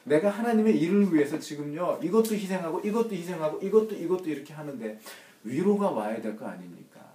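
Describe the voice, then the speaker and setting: A man's voice: fairly high pitch, lively intonation, fast, mellow. A man leading a church Bible study. He speaks emphatically and asks the group rhetorical questions. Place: church room. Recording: roomy, distant mic, faint noise.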